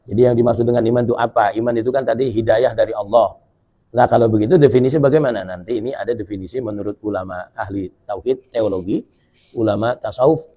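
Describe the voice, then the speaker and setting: A man's voice: medium pitch, mellow, slightly rough. A male preacher, giving a jokey, colloquial sermon at a mosque gathering after dawn prayer, reading and explaining Arabic text. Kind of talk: humorous sermon.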